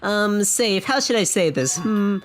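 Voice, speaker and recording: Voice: mid-range voice, lively intonation, measured pace. A streamer doing blind playthrough commentary, reading game dialogue aloud with sarcastic asides and laughs.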